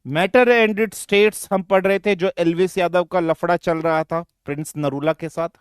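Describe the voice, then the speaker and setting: A man's voice: sits high, steady tone, measured pace, smooth, no room sound, clean studio sound. A young man from western Uttar Pradesh teaching a live online class, joking and teasing his students between explanations.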